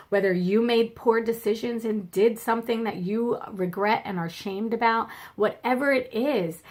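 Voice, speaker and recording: Middle-aged woman teaching faith stuff, kinda high voice, chatty, lots of um and you know. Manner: conversational, many fillers, lively quoting. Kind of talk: informal faith-based teaching.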